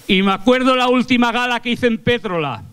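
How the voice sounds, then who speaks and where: With an extremely high, fairly bright and clean voice, an older male comedian-singer rattles off crude, folksy jokes fairly quickly, live on a theatre stage with a handheld mic. His stand-up is chatty and full of crude slang, and the recording has no room sound.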